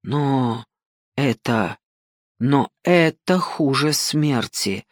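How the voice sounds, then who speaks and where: A woman's voice: deep voice, animated, measured pace, no echo, clean studio sound. A woman reading an audiobook and voicing a nervous, bewildered young male cook who speaks hesitantly. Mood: anxious. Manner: hesitant, anxious.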